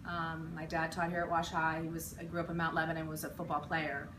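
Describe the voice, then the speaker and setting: A reflective woman in her forties from western Pennsylvania, remembering her school days for an interviewer. Her voice sits a little low, and she talks in a rambling way, full of ums and restarts. The mic is far from her in a school room, so the sound is echoey and noisy. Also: completely flat delivery, fairly quick. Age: 40s. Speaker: interviewee, teacher. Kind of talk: casual recollection in an interview. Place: school building.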